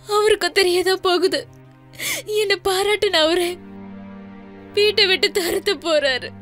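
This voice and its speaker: A woman's voice: extremely high pitch, unhurried, a bit bright, faint music behind. An actress playing a desperate young married woman who cries and pleads through her words. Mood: pleading. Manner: pleading, sobbing. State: crying.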